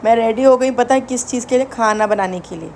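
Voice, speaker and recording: A woman's voice: on the high side, brisk, a little mellow, a little hiss or hum. A young woman chatting to viewers in a casual home vlog, recorded indoors. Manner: chatty, addresses viewers directly. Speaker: vlogger.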